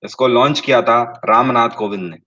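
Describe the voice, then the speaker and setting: A male teacher runs a live online quiz, slowing down to read each question and then talking straight to his students with pointed emphasis. His voice sits at a middle pitch, and the audio is a touch dull and lo-fi. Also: sharp tone. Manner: reads questions in English slowly, explains in Hindi with rising emphasis; addresses live viewers directly, asks and confirms answers. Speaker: online exam-prep teacher.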